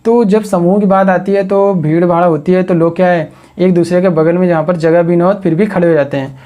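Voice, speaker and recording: Mellow-voiced man teaching exam memory tricks. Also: high voice, fairly even intonation, a little fast. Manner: repeats questions to the class and answers them; builds memory tricks from words. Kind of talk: exam coaching lecture.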